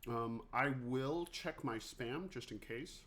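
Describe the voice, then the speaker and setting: A man's voice: mid-range voice, slow, fairly bright tone. A man who teaches music, chatting casually on a livestream and joking with his students. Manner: chatty, joking, talks to viewers by name. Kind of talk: casual livestream office hours.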